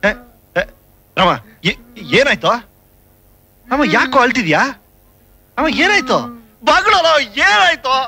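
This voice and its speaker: An actor playing an exasperated man who scolds and questions a bumbling helper in an expressive way, in a film comedy scene. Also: very high voice, takes it slowly, gravelly, long pauses, heavily acted. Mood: puzzled. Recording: film soundtrack with faint music.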